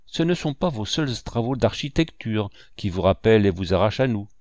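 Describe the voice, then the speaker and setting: A man reading the part of a gruff, teasing old uncle who is a painter, in a dry, mocking tone. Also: lowish voice, expressive, a little fast, darkish tone, dry recording, close to an everyday voice. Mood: taquin. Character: vieil oncle peintre, bourru et taquin.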